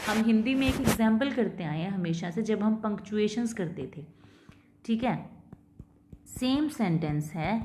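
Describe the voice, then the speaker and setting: A woman teacher with an Indian accent explains a lesson, reading English definitions slowly and deliberately, then explaining them casually. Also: mid-range voice, darkish tone, roomy sound, a little hiss or hum. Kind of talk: lecture mixing Hindi and English.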